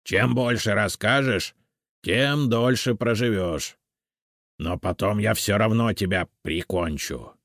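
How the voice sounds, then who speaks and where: A man voicing a confident, stern male house spirit who speaks slowly and firmly, in an audiobook. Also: lowish voice, dry recording, clean studio sound, voice pushed up, exaggerated voice. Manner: calm, confident, slow and firm.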